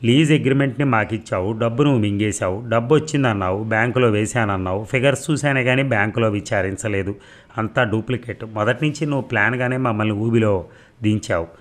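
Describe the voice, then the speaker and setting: A man's voice: on the low side, fast, lightly acted. A man voicing a furious, wronged wife who fiercely accuses the man who cheated her family. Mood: accusing.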